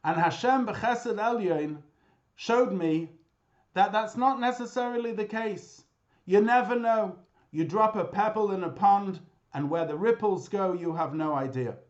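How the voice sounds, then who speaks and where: A rabbi from Britain, speaking in a high voice at an unhurried pace, gives a memorial address with animated stories and Hebrew and Yiddish words mixed in. Heard through a video call, the audio has its highs cut off.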